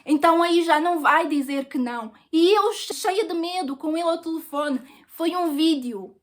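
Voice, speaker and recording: High-voiced European Portuguese woman testifying. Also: moderate pace. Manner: earnest, emotional storytelling. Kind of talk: personal testimony.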